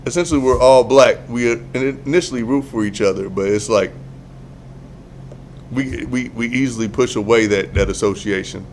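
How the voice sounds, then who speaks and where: A man's voice: normal speed, slight background noise. Give me a rambling male podcast host. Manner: rambling, trails off and restarts, drops low to mumble. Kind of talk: casual podcast chat.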